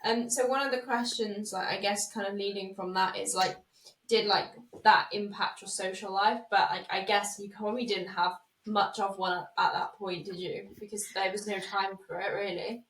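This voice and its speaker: A woman's voice: medium pitch, fairly even intonation, normal speed, a bit bright, recorded from a distance, slight background noise. A woman co-host asks her questions in a casual podcast chat, hedging with many fillers. She sits back from the microphone, so her voice arrives roomy and echoey. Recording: echoey room, off-mic.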